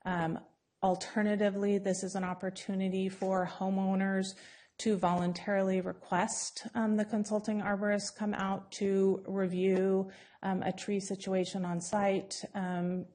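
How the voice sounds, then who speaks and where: A woman on city staff giving a formal presentation to a council, explaining in a measured way with frequent ums. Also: mid-range voice, dark tone.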